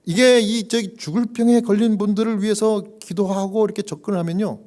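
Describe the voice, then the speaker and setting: A pastor with a fairly high voice preaches in a church. He tells a story with animation and plays the people in it. At solemn moments his voice sinks to a hushed whisper. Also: fairly quick. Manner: animated storyteller who acts out quoted voices. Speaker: pastor and hospital chaplain. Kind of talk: sermon storytelling.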